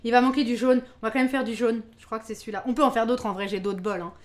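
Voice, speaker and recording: A woman's voice: on the high side, fairly even intonation, racing. A woman hosting a live baking stream, chatting casually with her viewers, exclaiming over her work and laughing often. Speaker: live-stream cooking host.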